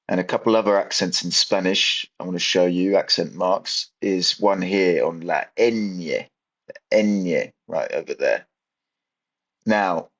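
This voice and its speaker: A male teacher with a low voice and a husky, breathy grain walks through a casual video lesson. He punches out stressed syllables with clear emphasis and fixes his own slips as he goes. He is close to the microphone. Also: rough recording. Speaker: Spanish teacher.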